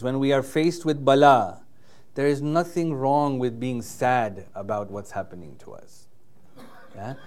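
Male preacher, earnest and emphatic, pitched a touch high, tags his points with "right?". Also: darkish tone. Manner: fluent Arabic recitation, frequent "yeah?" and "right?" tags. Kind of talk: English religious lecture.

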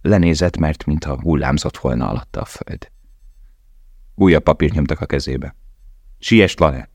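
Man, very deep voice, calm audiobook narration, dry studio sound. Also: no echo. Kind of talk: scripted narration.

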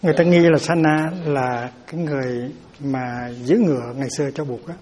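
A man's voice: medium pitch, a little fast, darkish tone. A man giving a Buddhist dharma talk as teacher, explaining terms patiently and often repeating words as he searches for them.

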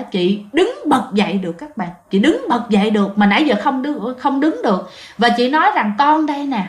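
A woman tells a ghost story in a chatty way, often turning to speak straight to her listeners. Her voice sits a little high. The recording carries a noticeable roomy echo. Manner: chatty, addresses listeners directly.

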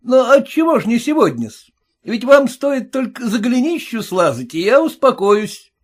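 A man's voice: extremely high pitch, sing-song, moderate pace, pitched above the performer's own voice, full character voice. A man voicing a sarcastic, quarrelsome young groom who mocks his new in-laws in a jeering, indignant way. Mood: resentful.

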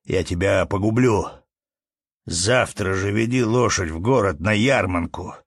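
A man's voice: fairly low pitch, measured pace, no room sound, clean studio sound. A man voicing a bullying estate steward. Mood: scolding. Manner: scolding, contemptuous, threatening. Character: arrogant bullying male estate steward, middle-aged. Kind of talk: audiobook character reading.

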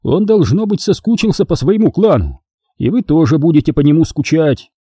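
A man reading as Qui-Gon, a calm wise Jedi master. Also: on the high side, moderate pace, husky, no room sound, clean studio sound, voice pushed up. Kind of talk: audiobook reading.

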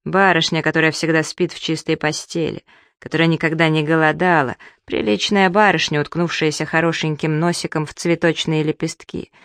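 A reader voicing a gruff, mocking bearded man who speaks curtly, in an audiobook. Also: low voice, fairly even intonation, brisk, no room sound, clean studio sound. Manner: curt, sneering.

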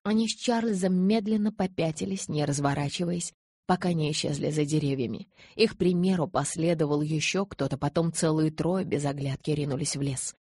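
A woman reading an audiobook as a first-person narrator, in an even, low-key manner. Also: normal speed, slightly rough, no room sound, clean studio sound.

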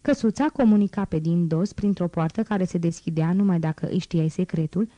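A woman reads a classic novel aloud as an audiobook narrator, measured and even. Her voice sits fairly low and mellow. The recording is dry and close, with no room sound. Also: dry recording. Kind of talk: audiobook reading.

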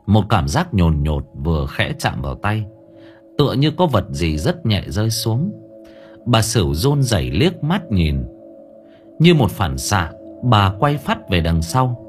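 A man's voice: fairly low pitch, measured pace, soft background music. A man narrating a horror story in a dramatic, suspenseful audiobook style. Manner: expressive, suspenseful.

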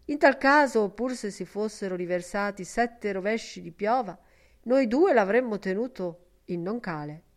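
A florid, sighing gentleman from an audiobook, read by a woman pours out ornate old-fashioned devotion. His talk is sentimental and emotional. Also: medium pitch, expressive, moderate pace, lightly acted. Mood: lamenting.

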